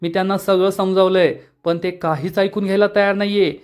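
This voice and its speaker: A young woman snaps in exasperation, as a male narrator reads her lines. Her delivery is sharp and quick. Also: high-pitched, fairly even intonation, smooth, lightly acted. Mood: exasperated. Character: angry young woman facing a forced wedding.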